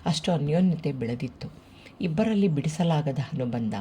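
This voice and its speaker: A narrator reading a family novel aloud in steady, unhurried scripted narration. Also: medium pitch, a little hiss or hum. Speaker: audiobook narrator.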